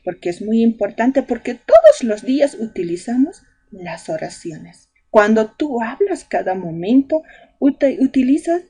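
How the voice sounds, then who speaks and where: A woman's voice: a little high, sing-song, unhurried, mellow, a little hiss or hum. A woman teaching a grammar lesson to young children, explaining step by step and checking in with "¿ya?" and "¿no?" after each point. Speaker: primary school teacher.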